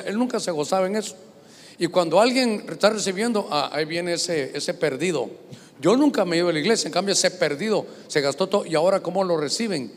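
A man, a pastor and guest, telling lively, joking anecdotes while preaching to a live audience. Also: high voice. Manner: animated, joking storyteller. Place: live event before an audience. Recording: live event hall reverb.

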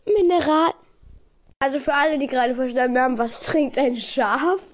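A woman's voice: high voice, moderate pace. A young woman chatting casually and telling bad jokes as a podcast host, silly and easily breaking into giggles. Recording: clearly noisy amateur home recording.

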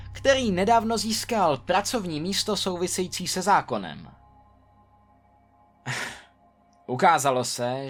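A man reading first-person stories aloud in a lively, animated storytelling manner. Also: on the high side.

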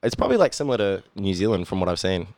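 A man's voice: deep voice, lively intonation, racing, darkish tone, no room sound, studio quality. A young Australian man chatting casually as a podcast guest, laid-back and rambling, with lots of fillers and the odd swear word. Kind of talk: casual chat.

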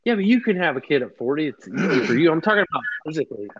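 A man's voice: a little high, very animated, very fast, dull audio, a little hiss or hum. A man in his thirties co-hosting a podcast, chatting casually with loose, profane banter. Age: 30s. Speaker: podcast co-host. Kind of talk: casual chat.

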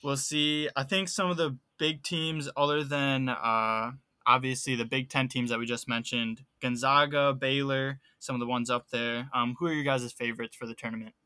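A young man co-hosting a podcast, talking college basketball in a relaxed way with lots of ums. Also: mid-range voice, moderate pace, hardly any pauses, clear, resonant tone, dry recording. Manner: relaxed, filler-heavy talk. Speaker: podcast co-host. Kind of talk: casual sports chat.

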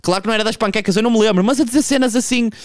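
A man's voice: high voice, rapid-fire, no room sound, studio quality. A young man doing a casual, profane stand-up monologue, telling a story with vocal impressions. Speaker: stand-up comedian.

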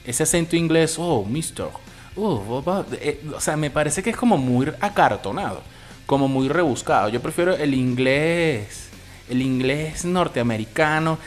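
A man with a Venezuelan Spanish accent talks through a film review in a loose, opinionated way, swearing casually. His voice sits a little high for a man. Faint music plays behind him. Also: lively intonation, moderate pace.

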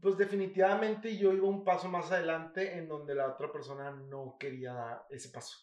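A man's voice: a little high, moderate pace, roomy sound, a crowd in the background. A young man with a Mexican accent, chatting casually and animatedly in heavy slang. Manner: slangy, animated, full of filler words. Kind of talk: casual chat.

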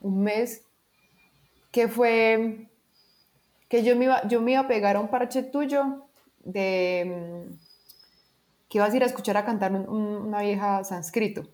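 A woman's voice: mid-range voice, unhurried, long pauses. Chatty woman telling a story. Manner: animated, acts out quoted dialogue, frequent fillers. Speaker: guest sharing a personal story. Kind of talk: casual conversational storytelling.

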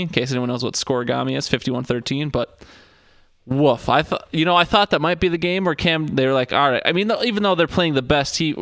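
A man's voice: mid-range voice, vocal fry, fairly bright tone, no echo, clean studio sound. A man co-hosting a casual sports podcast, rambling through the games with many fillers and restarts. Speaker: podcast co-host.

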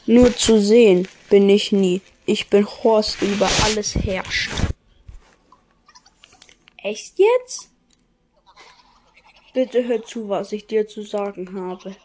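A woman doing a hushed kindly spirit. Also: medium pitch, measured pace, a little hiss or hum, natural voice. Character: unseen male god-like spirit, kindly and grand.

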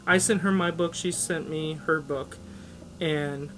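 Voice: mid-range voice, fairly even intonation, a little slow, noisy background. A writer in a casual podcast chat who reads a story draft aloud and critiques it, laughing often and stopping to correct themselves. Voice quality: laughs often and self-interrupts while reading and critiquing. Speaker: writer giving editing feedback on a story.

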